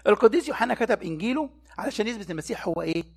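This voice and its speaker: A man with an Egyptian Arabic accent delivers a Bible study sermon, repeatedly asking his listeners rhetorical questions and then answering them himself. His voice is high, expressive, a little mellow and slightly rough, and he speaks at a racing pace.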